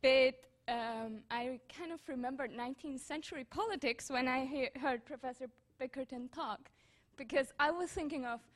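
A woman's voice: high voice, fairly bright tone. A young woman from Switzerland commenting from the audience at a public debate, informal and correcting herself as she goes. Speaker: student speaking from the audience.

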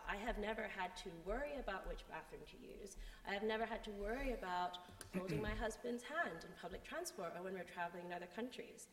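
A woman who is a native English speaker, giving an earnest, articulate motivational talk with emphatic repetition. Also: mid-range voice. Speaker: conference speaker. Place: large reverberant room before a live audience. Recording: echoey hall with background noise.

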